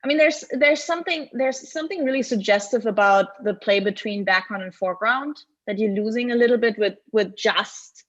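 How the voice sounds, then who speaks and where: A woman with a German accent giving a halting, filler-heavy critique of student projects over a video call. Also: fairly high pitch, dull audio. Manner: hesitant, many restarts and fillers. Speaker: guest critic. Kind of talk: online design review critique.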